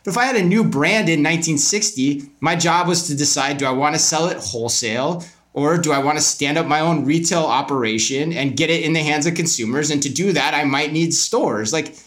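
A man appears as a podcast guest, explaining retail business in conversational interview answers full of emphatic opinions and rhetorical questions. His voice is a little high and a bit bright, and he talks a little fast with hardly any pauses.

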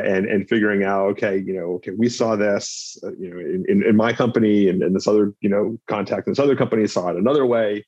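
A man's voice: fairly low pitch, darkish tone, husky, dry recording. A man as an interview guest, speaking thoughtfully and repeating words as he searches for them, on slightly dull remote audio. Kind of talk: casual conversational interview.

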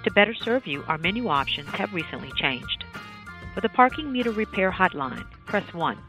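Woman's recorded phone menu message over music. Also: mid-range voice. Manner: even, measured, clearly enunciated prompts. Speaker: automated phone line announcer. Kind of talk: scripted phone menu prompts.

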